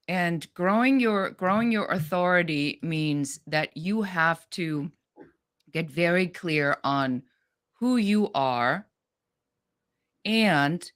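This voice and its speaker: A middle-aged woman with a German accent, guesting on a podcast interview, talks business bluntly and directly with lively, animated conviction. Her voice is low for a woman, and her manner is no-nonsense.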